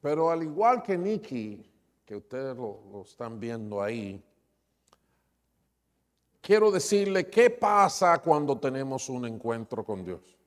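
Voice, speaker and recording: Guy preaching a sermon, storytelling style, big church hall echo, middle pitch. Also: big pitch swings, slow. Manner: storytelling, retelling a conversion story with quoted dialogue. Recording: long reverb of a church hall.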